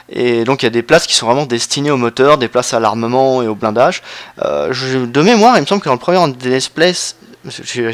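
A man's voice: medium pitch, dry recording. A man losing his voice, giving casual, hesitant commentary while showing a strategy game, with many fillers and restarts. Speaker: let's play host.

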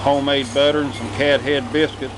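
A man giving a relaxed, folksy running commentary from behind the camera, with a mid-range voice. The camera mic catches him close inside a wooden cook shed, where loud steam and fire noise fill the background. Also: mid-range voice, brisk. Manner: folksy, easygoing tour-guide talk. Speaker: camera operator narrating. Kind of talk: casual video narration.

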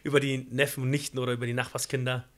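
A man co-hosting a casual faith podcast, talking in a relaxed way and responding to his co-host. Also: mid-range voice, racing. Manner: relaxed, responsive, reads a prayer text calmly.

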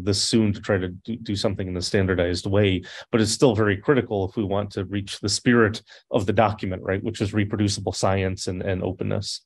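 A man's voice: fairly low pitch, darkish tone. A man in his thirties moderating a panel discussion over a video call, thoughtful with searching phrasing. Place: office with large windows.

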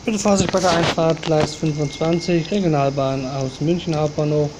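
A man giving train commentary in the flat, formulaic manner of a platform announcement, outdoors at a station. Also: fairly high pitch, normal speed. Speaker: train-spotting video maker and commentator. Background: loud ambience and vehicle noise.

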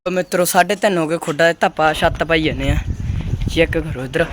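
A man's voice: fairly high pitch, fast. A man with a Punjabi accent chatting casually to viewers and calling out to his companions in a colloquial vlog style. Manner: colloquial, calls out to companions and addresses viewers as friends. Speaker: pigeon-keeping vlogger. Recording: noisy handheld recording with clicks.

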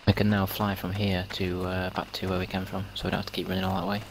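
A deep-voiced man rattles along quickly over game music, his voice gravelly at the bottom. He banters and teases casually while playing online with a friend. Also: completely flat delivery, noisy background. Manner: teasing, chatty banter. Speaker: streamer. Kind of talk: casual chat while gaming.

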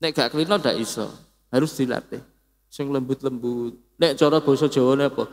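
A man's voice: mid-range voice, moderate pace. A man giving a casual religious study lecture as an Islamic teacher, in a homely, teasing way with everyday examples. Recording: long echo of a reverberant hall.

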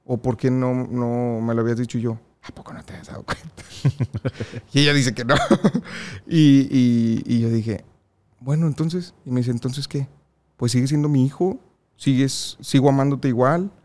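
Young man, mexican accent, casual storytelling, laughs a lot, lively. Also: medium pitch, normal speed. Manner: lively, laughs often while telling stories. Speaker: podcast guest.

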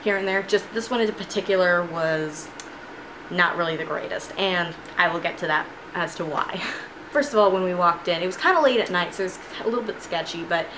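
A young woman, a student, telling a casual storytime vlog in a chatty, animated way with frequent laughs, filmed at home on a camera in her room. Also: lowish voice, a little fast. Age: young adult. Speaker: vlogger. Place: bedroom with shelves of figurines, indoors. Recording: noisy home recording.

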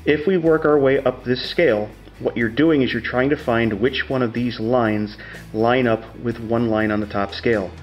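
A man's voice: mid-range voice, fairly even intonation, normal speed, dull audio, faint music behind. A middle-aged man explaining step by step like a plain-spoken machinist, in a casual hands-on tutorial. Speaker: tutorial host demonstrating measuring tools.

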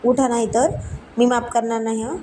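Woman narrator doing a pouting, playfully sulky young wife with a high, mellow voice; storybook. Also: level tone, normal speed, a little hiss or hum, natural voice, poor audio. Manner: pouting, teasing refusals.

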